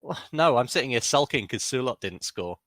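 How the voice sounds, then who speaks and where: A man's voice: mid-range voice, expressive, brisk, a bit bright, no room sound, clean studio sound. Laughing, teasing London man. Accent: London English. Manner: laughs often, teasing banter. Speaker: podcast co-host. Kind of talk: casual chat.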